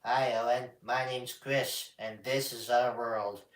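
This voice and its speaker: A man voicing a friendly male puppet host greeting viewers slowly and cheerfully. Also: mid-range voice, flat delivery, lightly acted. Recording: roomy echo, mic at a distance.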